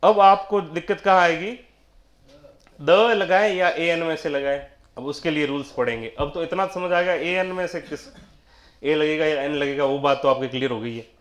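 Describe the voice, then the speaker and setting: A man teaching a class in a classroom with a lot of echo. His voice sits a bit high for a man. He keeps asking the students questions and then answers them himself. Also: normal speed. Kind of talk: classroom lecture.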